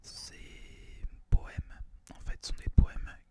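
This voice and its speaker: A young French man hosts an ASMR video from a small student apartment, whispering breathily to his viewers. He's soothing and deliberate, softly repeating phrases.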